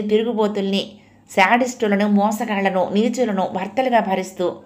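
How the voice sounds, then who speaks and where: A woman reads a novel aloud in a measured, expressive storytelling voice. Her pitch sits in the middle range, neither high nor low. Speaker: audio novel narrator. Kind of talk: scripted narration of a novel.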